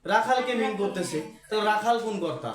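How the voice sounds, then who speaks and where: A man's voice: sits high, expressive, a little fast, a crowd in the background. A man teaching a grammar lesson to a class, asking questions and repeating the key terms. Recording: echoey room.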